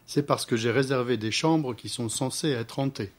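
A man's voice: medium pitch, moderate pace, voice pushed up, lightly acted. A man doing a patient, kindly father. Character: kind father translating for his son.

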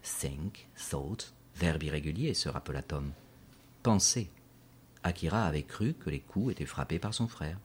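A man narrating a storybook in a measured, scripted audiobook delivery. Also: extremely low pitch, expressive, slight background noise.

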